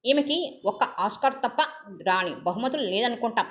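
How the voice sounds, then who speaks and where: A woman voicing a genial middle-aged male host who talks briskly, loudly and jovially. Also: on the high side, expressive, lightly acted. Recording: dull lo-fi audio.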